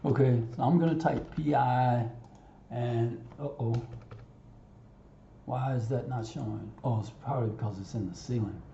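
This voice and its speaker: Over a screen recording, a man works through a software tutorial without a script, pausing often as he thinks out loud and talks to himself. His mid-range voice is creaky, and the recording sounds roomy and muffled with noticeable background noise.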